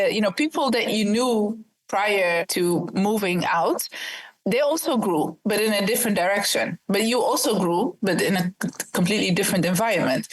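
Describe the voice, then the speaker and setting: Woman in her thirties, from Ethiopia, investor guest, direct and earnest, rhetorical questions, mid-pitched voice. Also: rough recording. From Ethiopia, raised in the Netherlands. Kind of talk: podcast interview answers.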